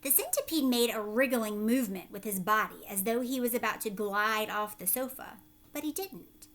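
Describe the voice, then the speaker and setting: In the manner of a teacher, a woman with a very lively, fairly high voice reads a children's book to young listeners, breaking off to explain and to question them, with dramatic pauses. A little hiss or hum is audible.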